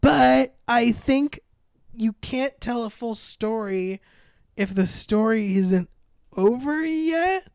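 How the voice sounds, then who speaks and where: A woman's voice: fairly high pitch, slow, vocal fry, a little mellow, clean tone, no echo, studio quality. Woman cohost on a chatty podcast, opinionated, dramatic, laughs a lot. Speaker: podcast co-host. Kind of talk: casual chat.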